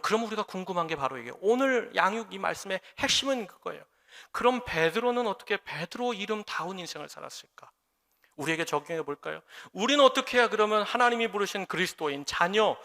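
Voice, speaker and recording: A man's voice: sits high, pushed and bright. A man preaching a sermon as a pastor, often acting out quoted dialogue. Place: church sanctuary. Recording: long church hall reverb.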